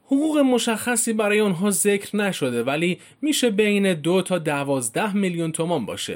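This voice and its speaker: High-voiced man with a lively read. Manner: reads a formal script with spoken colloquial endings. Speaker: narrator. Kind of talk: scripted informational narration.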